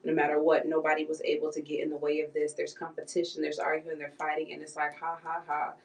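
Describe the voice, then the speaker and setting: A woman's voice: sits low, monotone, fast talker, poor audio. A woman giving a live tarot reading, now and then voicing what the cards' figures would say. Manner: speaks for the cards' figures in quoted asides. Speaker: tarot reader.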